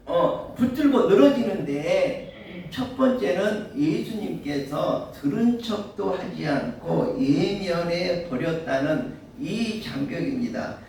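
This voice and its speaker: A man's voice: high voice, creaky, a little mellow. A male pastor preaching a sermon, asking his listeners rhetorical questions. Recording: very echoey room, mic far off.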